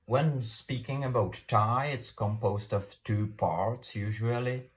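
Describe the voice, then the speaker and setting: A native Czech speaker from the Czech Republic, with a lowish voice and a Czech accent, presents an informal, unscripted explainer. His delivery is halting and hesitant, though his phrasing is formal.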